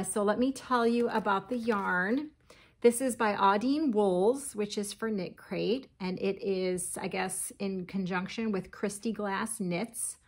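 A woman in her forties chatting casually about her yarn haul at her kitchen table, laughing often and reading yarn labels aloud. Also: medium pitch. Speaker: crochet vlogger. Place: home kitchen, indoors.

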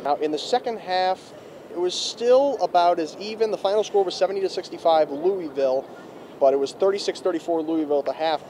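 Young man, student sports reporter, handheld mic, outdoors, faint street noise, slightly high voice. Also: darkish tone. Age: young adult. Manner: brisk, stat-heavy delivery. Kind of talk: postgame recap. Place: outdoors in front of an arena.

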